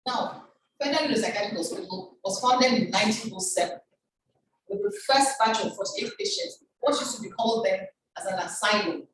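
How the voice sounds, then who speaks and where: An older woman giving a formal, measured presentation as a guest speaker, heard over a conference call. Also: mid-range voice, a bit bright. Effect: conference call audio. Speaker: guest speaker, chief pharmacist. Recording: echoey, distant online conference call with background noise.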